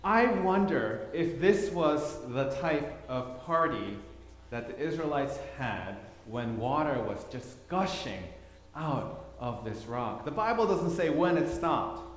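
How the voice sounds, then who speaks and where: A preacher from Thailand delivers a sermon with slides in a church hall, speaking slowly and expressively in a voice on the high side. He tells the story by repeating words for emphasis, and the echoey hall leaves a long reverb.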